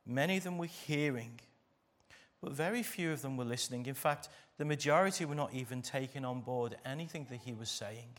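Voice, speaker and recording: A man's voice: mid-range voice, a little fast, a bit bright. A man with an English East Midlands accent from Derbyshire, preaching a church sermon in an emphatic way, repeating phrases for weight. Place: speaking live to a church congregation.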